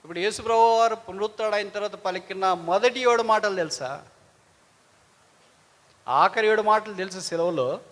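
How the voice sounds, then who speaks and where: Male preacher with a high voice, fervent sermon full of repeated questions, long reverb. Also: normal speed, pauses often. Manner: dramatic preaching, swinging between hushed lows and loud pleading highs; repetitive rhetorical questions.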